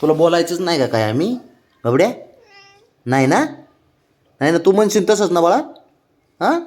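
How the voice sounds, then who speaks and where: A man's voice: fairly high pitch, very animated, normal speed, a little mellow. A man from Maharashtra talking to his pet cat, coaxing and pleading with it in sing-song baby talk. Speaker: pet owner vlogger.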